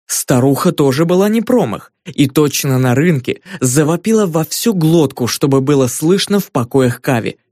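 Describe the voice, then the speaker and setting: A man narrating a fantasy novel as an audiobook in a lively, expressive reading. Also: a little high, normal speed, few pauses, no room sound, clean studio sound.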